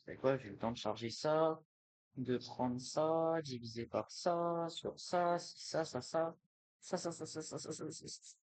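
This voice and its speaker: A young man streams his gameplay live, narrating with excitable energy and plenty of street slang. He swings between muttering to himself and yelling, and his voice sits on the high side at an unhurried pace.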